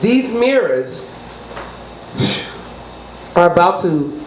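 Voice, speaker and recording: An extremely slow, very animated, low-leaning voice belongs to a middle-aged New Orleans consultant promoting her services in an interview. Salesy and rambling, she drops names and adds asides about God, with faint noise and echo in the room.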